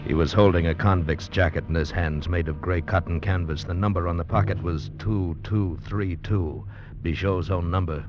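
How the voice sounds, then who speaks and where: A male actor with a low voice, lightly acted, plays a grave, steady convict narrating an adventure in the style of 1940s-50s radio drama. His storytelling is measured, tense and deliberate, with a grave, suspenseful mood. The audio is a muffled old radio broadcast with music behind it.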